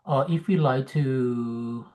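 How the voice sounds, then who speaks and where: A man speaking up in an online work meeting, explaining a point hesitantly with many pauses, over a video call microphone. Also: medium pitch, lo-fi sound. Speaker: meeting participant.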